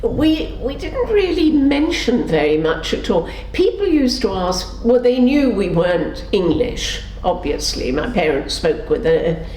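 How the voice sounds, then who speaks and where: Recalling her memories for an oral history interview, an older woman speaks in an unhurried yet very animated way, with hardly any pauses and a slightly mellow tone. She tells stories and voices the people in them, shifting pitch to act out quotes. The room sounds roomy, with faint background noise.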